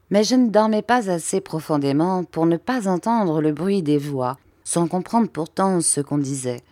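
A woman reads a classic novel aloud in a low, measured voice, keeping an even storytelling pace. She sits close to the mic, and the sound is dry with no room echo. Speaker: audiobook reader. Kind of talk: audiobook narration.

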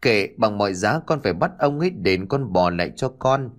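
A man's voice: expressive, moderate pace, lightly acted. A man voicing a stubborn, grieving young village girl, with a pleading, raised voice. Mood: distraught. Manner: pleading, tearful, raised high voice.

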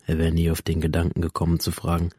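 In a radio drama, a withdrawn, bitter young man narrates his own story in an introspective first-person voice that's low, mellow, and slightly husky. He speaks fast and in a monotone, guarded and matter-of-fact, with a close, dry sound and no echo.

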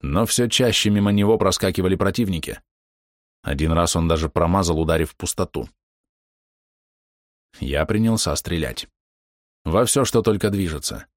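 A man giving steady, measured first-person narration of a fantasy audiobook. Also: low-pitched, dry recording, clean studio sound.

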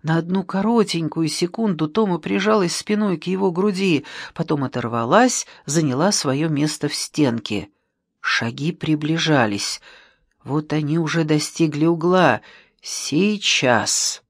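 A steady, measured audiobook narrator at a middling pitch. The recording is close and dry, with no room sound. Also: slightly rough, no echo.

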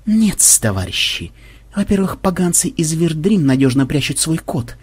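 A sardonic hacker, voiced by a man reading the story drawls in a low, deadpan tone. He addresses his team like a weary officer at a meeting. The voice is slightly husky. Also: normal speed. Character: dry, sardonic male hacker, addresses everyone as comrades.

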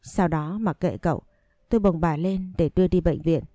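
A woman narrating a dramatic first-person story in a steady scripted reading. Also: on the low side, normal speed, no room sound, clean studio sound.

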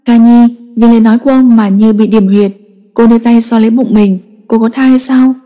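A woman narrating a dramatic story in a steady, emotive reading. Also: on the high side, brisk. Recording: long echoing reverb.

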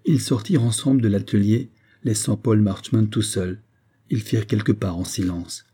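A man narrating a classic novel in a measured, even reading. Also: on the low side, husky. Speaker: audiobook narrator. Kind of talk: scripted narration.

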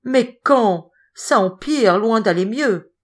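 A man's voice: high voice, lively intonation, slow pace, pitched above the performer's own voice, heavily acted. A woman voicing a brutish, scheming male trapper in an audiobook, whining and gloating. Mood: moaning. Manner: whining, then gloating and shouting.

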